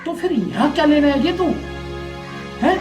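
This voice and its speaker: Gruff, harsh village father. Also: very high-pitched, animated, normal speed. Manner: gruff, dismissive. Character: harsh rural father disowning his daughter. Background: background music.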